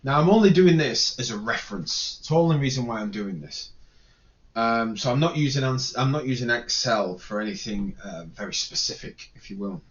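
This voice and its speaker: In a screen-recorded spreadsheet tutorial, an engineering lecturer works through a calculation, thinking aloud and fixing his own mistakes along the way. His mid-range voice is expressive and moderately paced, and the audio is dull.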